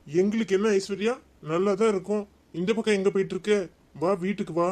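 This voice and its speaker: A man's voice: high voice, steady tone, quick pace, darkish tone, natural voice. A man with a Tirunelveli Tamil accent voicing a concerned elder brother in a cartoon, talking earnestly and questioning.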